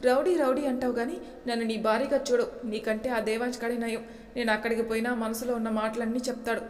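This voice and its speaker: A woman's voice: fairly high pitch, fairly even intonation, fast, natural voice. A woman voicing a feisty young wife who answers back boldly, in a storybook reading. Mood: hurt, angry. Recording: echoey room with long reverb.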